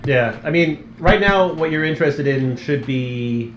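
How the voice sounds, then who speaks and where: A man's voice: on the high side, lively intonation, measured pace, muffled recording. Man, game master, casual improvised narration, echoey room, faint music behind.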